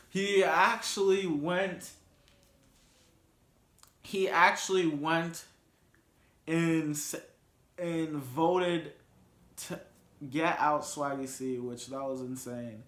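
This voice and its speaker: Slow, rambling man vlogging in an echoey room. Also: a little high, fairly bright tone. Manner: rambling, with frequent restarts. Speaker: vlog host. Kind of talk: casual sports and reality-show commentary. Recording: roomy echo.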